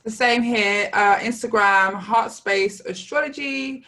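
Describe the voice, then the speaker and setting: A woman's voice: fairly high pitch, slow, bright, forceful tone. A woman guest astrologer on a radio show, speaking earnestly in casual chat.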